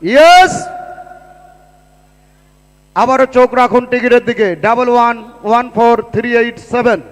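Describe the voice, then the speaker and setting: A Bangladeshi man announcing a live prize draw in a booming, showman-like way, with drawn-out calls over an echoing PA. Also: fairly even intonation. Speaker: lottery draw announcer at a fair. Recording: echoing PA with long reverb.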